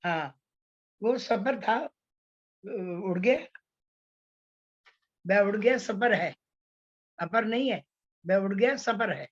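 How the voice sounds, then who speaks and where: A woman teaching poetry, explaining figures of speech slowly with many fillers and restarts. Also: mid-range voice, animated, highs cut off. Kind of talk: online class on Hindi poetics.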